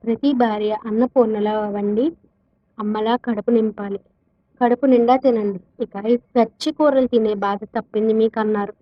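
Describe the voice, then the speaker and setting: Expressive woman storyteller, lo-fi dry sound. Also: a little high, moderate pace, no echo. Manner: expressive, shifts tone for quoted characters. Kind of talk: dramatic story narration with character dialogue. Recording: dull, lo-fi dry recording.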